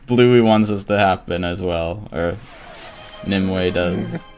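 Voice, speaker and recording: A man with a lowish voice narrates a tabletop game as game master. He talks slowly and unhurriedly, pausing on fillers as he describes the scene. His delivery is relaxed and drawn out.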